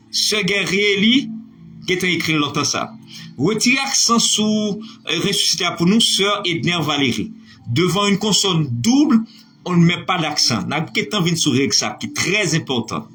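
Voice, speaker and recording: A man's voice: on the high side, sharp tone. A man teaching a live online French lesson, spelling words out letter by letter, praising his students by name.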